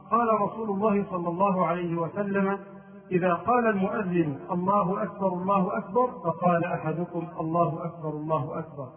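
A man giving a religious lesson on mistakes in the call to prayer, chanting the phrases to show them. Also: high voice. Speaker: religious teacher. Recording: tinny phone-like distant sound.

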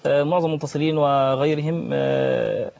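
Teacherly man, quick delivery. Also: a little high, animated, creaky, a little mellow, lo-fi sound. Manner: measured, teacherly, quotes recitation rules. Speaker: studio guest, Quran teacher. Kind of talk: discussion of recitation errors.

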